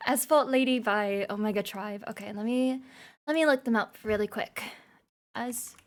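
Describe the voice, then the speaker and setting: Woman streamer, slightly high voice, giggly, rambling casual chat with viewers.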